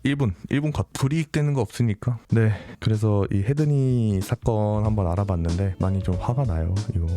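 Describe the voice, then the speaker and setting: A man's voice: fairly low pitch, fairly quick, hardly any pauses, warm tone, faint music behind. A young adult man hosting a true crime show, reading news items and commenting on them angrily, swearing often. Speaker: true crime channel host.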